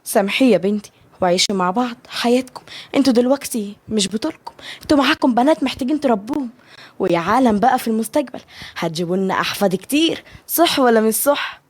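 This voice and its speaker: A woman with an Egyptian Arabic accent voicing a kind older father-in-law who coaxes gently. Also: a little high, lively intonation, quick pace, dry recording, pitched above the performer's own voice. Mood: fatherly.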